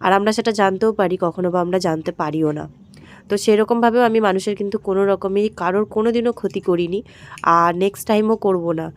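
Fast-talking hoarse woman vlogger. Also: mid-range voice. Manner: chatty, talks straight to viewers. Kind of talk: daily-life vlog voice-over. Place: home, voice-over recorded at night.

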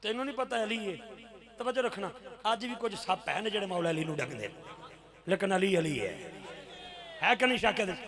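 A man giving an impassioned devotional address to a gathering, moving between soft storytelling and loud, shouted chanting. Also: high voice, big pitch swings, fairly quick, pauses often. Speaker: devotional speaker at a religious gathering. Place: live religious gathering with an audience. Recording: live event with crowd noise.

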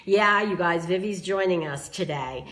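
A slightly hoarse woman demonstrating bow making in a live craft tutorial, chatting with viewers as she explains each step. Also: fairly low pitch, normal speed, background noise. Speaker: craft tool creator demonstrating bows.

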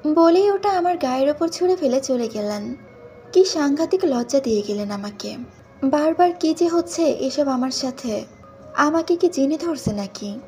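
A woman's voice: high voice, expressive, moderate pace, mellow, soft background music. A woman narrating a story in the first person, reading in a plain conversational way. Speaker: audiobook narrator.

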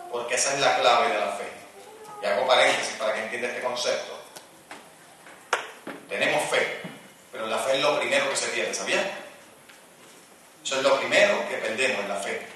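A man preaching a charismatic sermon, swinging between loud fervent exclamations and quiet asides. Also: mid-range voice, normal speed, pauses often. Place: large church at a conference. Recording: echoey church from some distance, faint noise.

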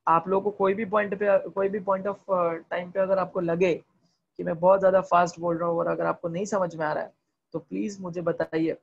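A man teaches chemistry over a video call, rushing his words and firing repeated questions at his students in Hindi laced with English terms. His voice sits high and has a gravelly, husky edge. The call audio comes through dull and lo-fi. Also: level tone. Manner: talks fast. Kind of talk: online class lecture.

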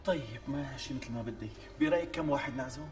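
A man plays a young Damascene husband worn down by his wife's demands, exasperated and protesting. He talks very fast. The sound is distant, with faint music behind. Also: mid-range voice, a little mellow, natural voice. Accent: Syrian, Damascene. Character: harried young husband, boutique owner, short of money. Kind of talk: TV sketch acting.

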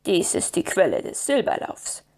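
A woman voicing a gruff, solemn old dwarf. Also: lowish voice, huge pitch swings, normal speed, darkish tone, full character voice. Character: gruff grieving male dwarf warrior. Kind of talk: audiobook character reading.

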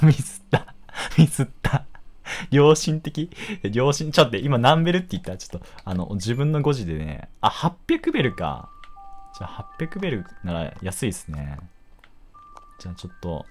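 A young man giving casual, jokey commentary while playing a game, quick to exclaim and laugh. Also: lowish voice.

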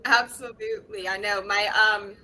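Bright-voiced young woman tutor. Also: mid-range voice, steady tone, normal speed, a little hiss or hum, poor audio. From United States. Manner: friendly, explains patiently. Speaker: English tutor. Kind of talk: casual video-call chat. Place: small dim room indoors. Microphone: laptop webcam on a video call.

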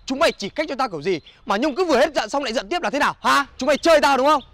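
Frustrated young boyfriend, whiny, high-pitched, comedy series. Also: male voice, animated, racing, fairly bright tone, heavily acted. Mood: exasperated. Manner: exasperated, whiny complaining.

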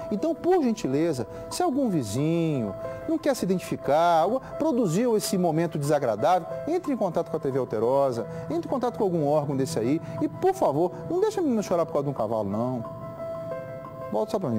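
Animated high-pitched man hosting TV news. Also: fast talker. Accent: Minas Gerais Brazilian. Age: 40s. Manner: emphatic, colloquial, appealing to viewers. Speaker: TV news show host. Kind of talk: informal opinionated studio commentary. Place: TV studio. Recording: studio broadcast with loud background music.

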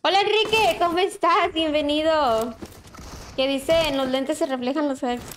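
A woman's voice: high voice, normal speed, background noise. A woman with a Mexican accent chatting casually on a gaming livestream, greeting viewers by name as she plays. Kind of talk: casual livestream chat while playing.

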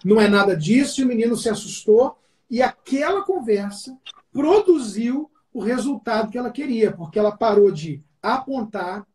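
A man with a Brazilian Portuguese accent, a pastor giving family advice in a relaxed talk, telling stories and acting out the dialogue in them. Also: extremely high pitch, normal speed. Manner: storytelling, acts out quoted dialogue. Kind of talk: family counseling talk with anecdotes.

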